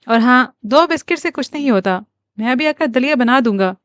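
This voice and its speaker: A woman reading the part of a caring young husband who speaks gently and with concern to his ailing mother. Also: high voice, expressive, smooth, no echo. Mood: gentle.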